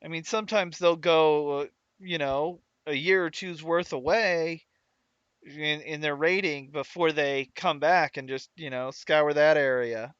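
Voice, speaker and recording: A man's voice: fairly high pitch, steady tone, fairly bright tone, clean tone, no echo, lo-fi sound. A man voicing a weary guard captain with a faint drawl. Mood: explaining. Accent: put-on Southern US drawl, dropping. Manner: rambling, halting with many restarts. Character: male guard captain NPC, weary, matter-of-fact.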